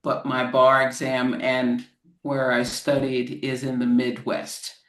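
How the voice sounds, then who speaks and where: An American woman from Florida, a lawyer speaking as a guest and explaining things slowly and plainly for English learners over a video call. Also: extremely low pitch, completely flat delivery, roomy sound, low-quality recording. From Florida, United States. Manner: measured, explains terms plainly.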